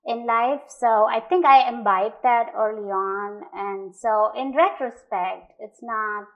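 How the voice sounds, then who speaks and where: A woman from India, an artist, giving a thoughtful talk about her work, pausing often with fillers and restarts. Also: fairly high pitch, narrow, tinny audio.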